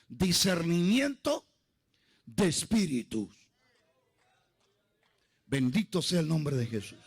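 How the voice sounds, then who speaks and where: A male pastor preaching a sermon, telling stories with emphasis and acting out the people in them. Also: sits high. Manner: storytelling, emphatic, acts out quotes.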